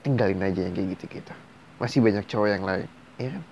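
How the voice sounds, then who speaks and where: A man's voice: low voice, fast talker, vocal fry, darkish tone, slight background noise. A man, a host giving blunt, frank advice on viewers' stories in casual slang. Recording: slightly dull lo-fi recording.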